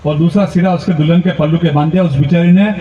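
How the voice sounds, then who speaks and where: Man, comic stage storyteller, high voice, echoey distant lo-fi recording. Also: fast, a little hiss or hum. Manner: animated, mimics relatives in high squeals. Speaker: comedian poet. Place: large event stage. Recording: roomy far-off lo-fi stage recording.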